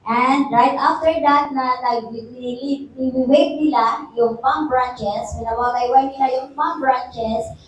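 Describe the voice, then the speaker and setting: A woman's voice: high-pitched, unhurried. A woman pastor with a Filipino accent preaching a sermon, explaining in a mix of Tagalog and English and often checking in with her listeners. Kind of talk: Taglish sermon. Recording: echoey room, voice from far off, faint noise.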